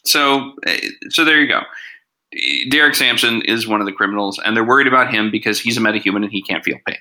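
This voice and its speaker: A man's voice: on the low side, fast, bright, forceful tone, rough recording. A man hosting a casual podcast reviewing TV episodes, chatty and sarcastic, with lots of asides. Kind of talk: casual chat.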